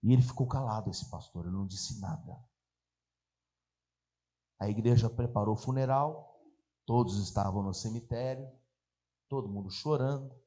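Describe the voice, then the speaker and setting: A male pastor with a Brazilian accent, telling a story in a sermon and swinging between hushed passages and shouting. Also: lowish voice, normal speed, pauses often. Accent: Brazilian Portuguese.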